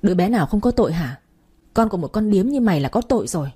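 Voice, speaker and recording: A woman's voice: medium pitch, lively intonation, fast, warm tone, breathy edge. Woman voicing a cruel sneering villainess. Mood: venomous. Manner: sneering, hissing threats.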